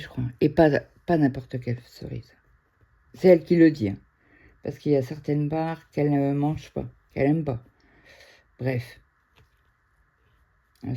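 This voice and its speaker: A middle-aged woman from France chatting casually to viewers at home, excitable and quick to raise her voice. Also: sits low, vocal fry, husky. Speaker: craft vlogger. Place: indoors at home.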